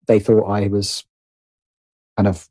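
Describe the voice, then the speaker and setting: In a dry recording, a middle-aged man speaks in a lowish, dark voice with a completely flat, slow delivery. He is a writer and producer guesting on a podcast, chatting casually in an interview while hesitating and self-correcting through repeated false starts.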